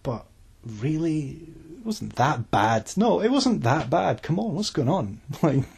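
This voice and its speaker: A man with a husky, slightly breathy voice co-hosts a casual podcast. He rambles through his thoughts, restarts his sentences and laughs often. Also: fairly high pitch, very animated, measured pace, darkish tone. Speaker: podcast co-host. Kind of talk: casual chat.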